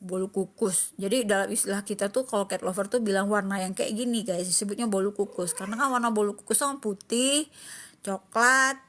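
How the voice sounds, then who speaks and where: A woman's voice: medium pitch, fairly even intonation, fairly quick, a bit bright. A woman chatting casually on a live stream about her day, rambling to her viewers and now and then cooing at her cats in baby talk. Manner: calls her cats in baby talk, calling herself Mami. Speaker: cat owner live-streaming.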